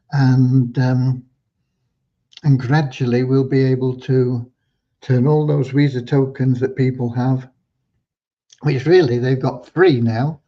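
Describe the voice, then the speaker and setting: An older man hosting a livestream Q&A with a prayer, talking at an unhurried pace with frequent ums and restarts. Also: mid-range voice, mellow. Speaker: host of a community livestream. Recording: dull lo-fi livestream audio.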